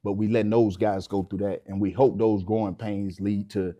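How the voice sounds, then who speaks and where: A man's voice: fairly low pitch, level tone, normal speed, warm tone. A man, a basketball coach explaining things colloquially in a casual interview.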